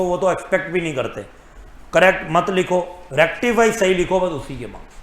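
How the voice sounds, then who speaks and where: A man teaching accounting in a classroom lecture, asking the class questions and answering them himself, with English terms mixed in. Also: a little high. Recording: echoey classroom.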